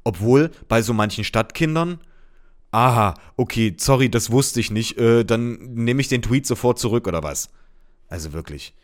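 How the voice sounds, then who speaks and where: A man reading out reactions to his post with sarcastic, deadpan asides in casual commentary. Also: mid-range voice, moderate pace. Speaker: social media commentator.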